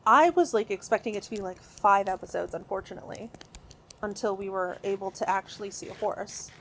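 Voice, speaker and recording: A woman giving casual, excitable gameplay commentary from her recording room at home, rambling with many fillers and restarts. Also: medium pitch, brisk, slight background noise. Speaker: gaming video creator.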